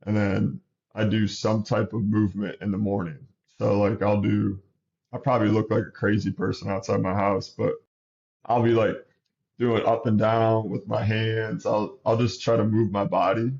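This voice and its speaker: Relaxed man in his thirties, sniffly. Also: fairly low pitch, moderate pace, vocal fry, dull audio. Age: 30s. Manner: relaxed, rambling, with many restarts. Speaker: basketball coach and guest. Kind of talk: casual interview chat.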